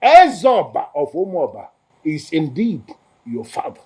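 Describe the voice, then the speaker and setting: An actor with a Nigerian accent playing a solemn village elder who lectures and insists. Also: male voice, fairly high pitch, big pitch swings, a little slow. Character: solemn older male elder of the council.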